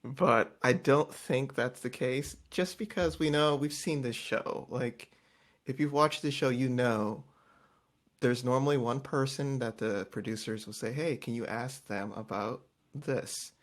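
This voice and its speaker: A man's voice: medium pitch, a little slow. A man co-hosting a casual podcast, recapping a reality show and acting out quotes in voices. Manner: animated, acts out quotes in voices. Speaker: podcast co-host.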